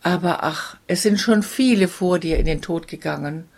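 A woman's voice: lowish voice, moderate pace. A woman reading as a sorrowful cursed princess. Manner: soft, sorrowful, partly whispered. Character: sad cursed young princess.

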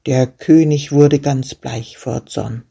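A storyteller reading a fairy tale aloud as scripted narration, slowly and deliberately. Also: medium pitch, steady tone, vocal fry, mellow, slightly rough.

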